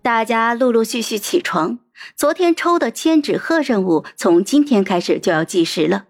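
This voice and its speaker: A woman reading a novel as an audiobook narrator. Her voice sits somewhat high and moves in lively, melodic swings. She tells the story with expressive flair. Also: normal speed, faint music behind.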